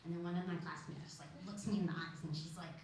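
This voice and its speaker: A woman's voice: on the low side, steady tone, fast talker. Young woman comic, giggly and bubbly storyteller, roomy echo, mic heard from a distance. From Michigan, USA. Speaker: stand-up comedian. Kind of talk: stand-up comedy set. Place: comedy venue with live audience. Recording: echoey room from far off, noisy.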